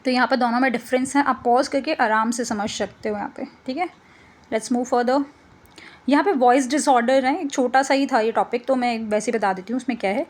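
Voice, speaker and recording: High-voiced woman teaching an exam lesson. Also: brisk. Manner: casual explanatory, mixes English terms, frequent "ठीक है" check-ins. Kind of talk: exam-prep lesson explaining slides.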